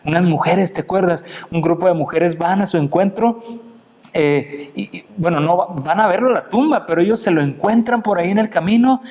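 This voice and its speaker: Man from Mexico, preacher; lively sermon delivery with pointed questions to listeners, slightly raised pitch. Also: a little fast. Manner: animated preaching, acting out quotes with big pitch swings; addresses listeners directly with questions.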